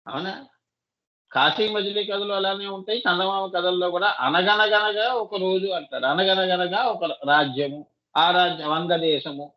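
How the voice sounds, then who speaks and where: A man's voice: sits high, dull audio. A man giving a devotional discourse as a spiritual teacher, often asking his listeners rhetorical questions and calling them child.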